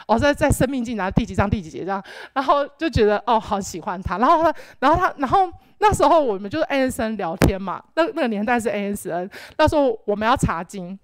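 A young woman gives a rambling, animated personal faith testimony, full of filler words. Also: a little high, no room sound. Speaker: church member giving testimony.

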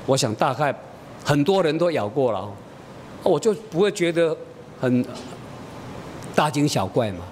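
A man's voice: big pitch swings, a little slow, pauses often, a little mellow. A middle-aged man preaching a sermon, telling a family story in a homely way and acting out the dialogue. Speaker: pastor. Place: church. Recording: reverberant church hall, faint rumble.

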